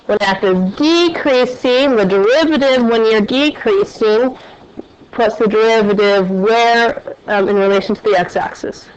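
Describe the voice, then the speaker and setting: Speaking unhurriedly in a fairly high voice, a woman teaches a math lesson and quizzes the class along the way. There's a little hiss or hum, and the classroom audio sounds dull and low-fidelity.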